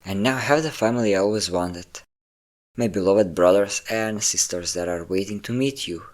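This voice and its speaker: Here a man lightly acts the part of an obsessive vampire lover, vain, cruel and possessive, in an intimate theatrical monologue full of drawn-out words and sighs. His fairly low voice keeps a normal speed, with a smug, possessive mood.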